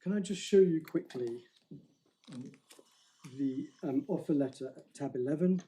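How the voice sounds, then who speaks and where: A man's voice: fairly high pitch, unhurried, warm tone, low-quality recording. A man, a barrister making a careful legal submission in court, stressing key words and restarting phrases.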